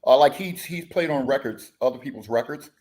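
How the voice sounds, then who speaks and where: A man's voice: medium pitch, brisk, darkish tone. A man who leads a band, chatting as a podcast guest, rambling with lots of fillers and restarts. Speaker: guest musician, bandleader. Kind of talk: casual podcast chat.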